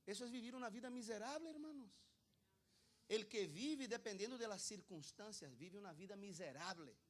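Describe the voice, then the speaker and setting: A male pastor preaching a sermon, asking the congregation rhetorical questions and swinging from quiet asides to loud emphasis. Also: high-pitched, expressive, normal speed.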